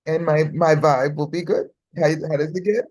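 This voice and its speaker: A woman's voice: sits low, fairly even intonation, a little mellow, no room sound. A woman from the United States hosting a live workshop, giving effusive closing thanks with frequent laughter. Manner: effusive, laughing, slow and drawn-out. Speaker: workshop host.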